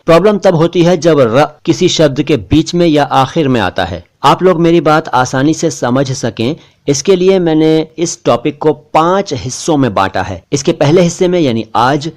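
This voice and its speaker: A man teaching pronunciation, saying words one at a time with slow, careful enunciation. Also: fairly high pitch, a little mellow. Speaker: language teacher. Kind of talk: pronunciation lesson.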